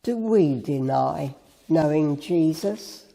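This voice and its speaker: Brief: slow, husky reader of a meditation with a long reverb. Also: mid-range voice, animated, mellow. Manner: slow, measured storytelling. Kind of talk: Good Friday meditation reading.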